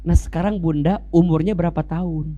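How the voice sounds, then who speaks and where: A male Islamic preacher, giving a lively sermon full of rhetorical questions and joking asides. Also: a little high, fairly quick, highs cut off.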